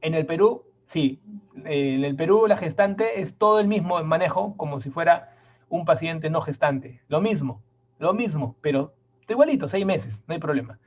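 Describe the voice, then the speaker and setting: A man's voice: a little high, normal speed. A middle-aged man, giving a medical exam prep lecture. He stresses and repeats the key points and speaks straight to his students.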